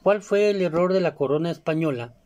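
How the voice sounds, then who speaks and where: Speaking fairly quickly in a fairly high, slightly mellow voice, this Mexican Spanish-accented commentator rambles casually, piling on fillers and asides and repeatedly tossing in "you know?".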